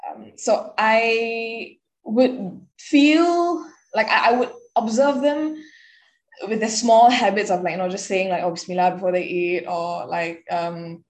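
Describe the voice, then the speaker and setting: A young Singaporean woman speaks with a Singaporean English accent as a podcast guest, chatting casually in an interview and sprinkling "like" throughout. Her voice is medium-pitched and a little slow.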